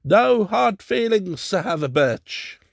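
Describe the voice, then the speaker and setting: A man voicing an excitable, learned male tutor who scolds in a raised voice. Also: on the high side, a little slow, no echo, clean studio sound, voice pushed up. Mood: shouting.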